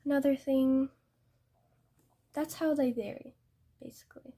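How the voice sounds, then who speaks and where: A young woman explaining paintbrushes in a painting tutorial, hesitant and halting, often correcting herself. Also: high-pitched, fairly even intonation, warm tone. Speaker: art tutor.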